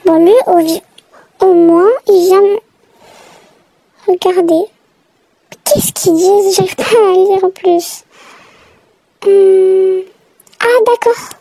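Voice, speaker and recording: A woman's voice: extremely high pitch, little pitch movement, takes it slowly, vocal fry, pauses often, mellow, no echo, poor audio. A woman giving chatty, exasperated running commentary while she plays a game. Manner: chatty, reacting aloud, exasperated. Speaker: gamer narrating her play.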